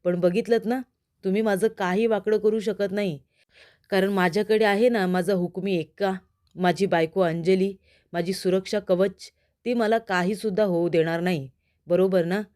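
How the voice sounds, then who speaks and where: A woman's voice: medium pitch, steady tone, moderate pace, a little mellow, natural voice. A woman voicing a scheming male villain from a TV serial who taunts and threatens in a mocking, gloating way.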